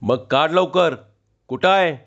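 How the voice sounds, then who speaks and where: Casting: a man playing a bossy skinny village cop, gruff and commanding, slightly high voice, dull recording. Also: slow, fairly bright tone. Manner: gruff, bossy, mock-official police tone. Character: bullying skinny village police constable, man.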